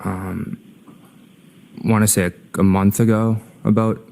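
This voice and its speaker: A man's voice: lowish voice, a little slow, creaky. A man testifying as a witness in court, giving terse, clipped answers. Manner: terse, flat one-word answers. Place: indoor courtroom. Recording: courtroom feed with faint noise.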